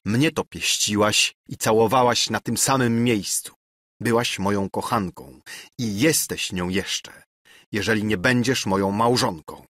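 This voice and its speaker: A man reading an audiobook voices a passionate young male officer, loud, pleading and furious, in a slightly raised voice. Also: fairly low pitch, lively intonation, measured pace, no room sound, clean studio sound. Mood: impassioned.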